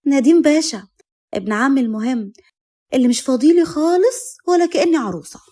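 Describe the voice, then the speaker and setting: Woman doing a high, bubbly Egyptian bride-to-be, coy and sulky-teasing, audio story. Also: expressive, fast, mellow. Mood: playful. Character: playful young woman, spoiled bride-to-be.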